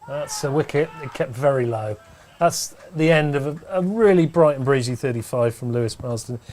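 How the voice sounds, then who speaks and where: A man giving relaxed, chatty live commentary on a club cricket match from a pavilion room. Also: medium pitch, normal speed, slight background noise.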